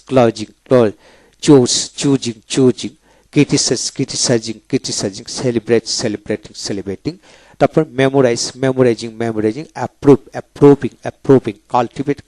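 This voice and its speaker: A man teaching English pronunciation in a video lecture, slowly saying each word and repeating it twice. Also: medium pitch, fairly even intonation, dark tone, no echo.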